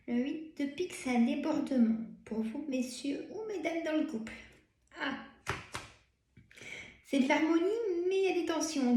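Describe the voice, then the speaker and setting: Tired woman with a Burgundy accent, slow and chatty card reader, slightly high voice, echoey room. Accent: Burgundy French. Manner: chatty, filler-heavy, frequent "hein" and soft laughs. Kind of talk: casual card-reading video.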